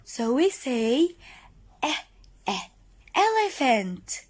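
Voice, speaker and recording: A woman teaching young children in the manner of a kids show host, with sing-song questions and praise and clearly repeated sounds. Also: sits high, sing-song, extremely slow. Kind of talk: kids show host presenting an interactive lesson.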